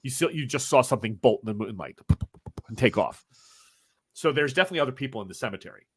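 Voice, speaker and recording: A man's voice: mid-range voice, animated, fast talker, a bit bright, husky. A man running a tabletop game as game master, narrating and calling rules in a casual, rambling way. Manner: casual, rambling rule calls with fillers.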